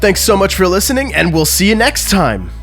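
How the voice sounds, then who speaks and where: A man's voice: sits high, sing-song, a little fast, fairly bright tone, soft background music. A man hosting a podcast, reading out a scripted list of credits. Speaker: podcast host.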